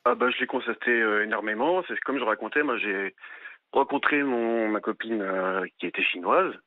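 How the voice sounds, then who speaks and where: A man's voice: lowish voice, normal speed, no echo. A man calling in to a radio talk show, chatting frankly with some hesitant fillers. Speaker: caller. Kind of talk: casual phone-in chat. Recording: tinny phone line.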